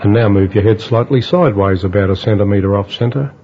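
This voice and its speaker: A man guiding a relaxation exercise in a slow, hypnotist-like manner, with long pauses between instructions. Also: lowish voice. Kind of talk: guided relaxation narration. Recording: dull lo-fi audio with faint noise.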